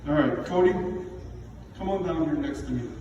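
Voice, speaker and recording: A middle-aged man giving an informal, heartfelt father of the bride speech to wedding guests, plainspoken and a little halting. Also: fairly high pitch, lo-fi sound. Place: large reverberant indoor reception room with background noise. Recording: echoey noisy hall, picked up from far off.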